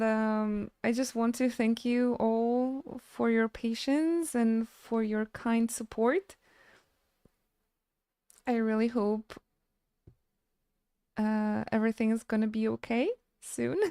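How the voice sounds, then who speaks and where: A woman game streamer chatting casually with her live audience, halting and stammering as she thanks viewers between frequent laughs. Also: a little high, steady tone, darkish tone, smooth, no room sound, clean studio sound.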